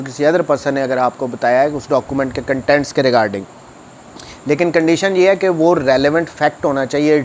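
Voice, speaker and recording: A man with a Pakistani accent delivers an explanatory law lecture, reading statutes aloud and paraphrasing them. His voice is fairly high and a little mellow, and he teaches in a didactic way, repeating key points for emphasis. There is slight background noise.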